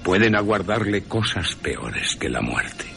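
A man voicing a courteous, sinister vampire count in a slow, solemn manner, with an accent from Spain. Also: deep voice, very animated, vocal fry, sharp tone, soft background music, heavily acted. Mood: brooding. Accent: Spanish (Spain).

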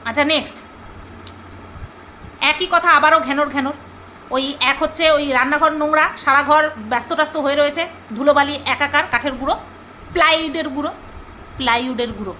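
A woman vlogger chats her way through a commentary on someone else's videos. Her voice sits very high and sounds bright and crisp as she teases and scolds. A faint noise runs under the recording. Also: brisk, long pauses, low-quality recording. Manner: chatty, teasing, scolding, mock-mimics others. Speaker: vlogger reacting to another creator. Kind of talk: casual commentary vlog.

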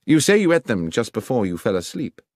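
Holmes, a man voicing a crisp detective. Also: mid-range voice, very animated, no room sound, clean studio sound, voice pushed up. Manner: precise, measured and authoritative. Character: sharp, commanding male detective, middle-aged.

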